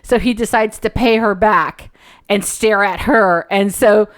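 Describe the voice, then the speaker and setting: A woman hosting a podcast in casual chat, telling stories in an animated way and laughing often. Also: mid-range voice, measured pace. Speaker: podcast host.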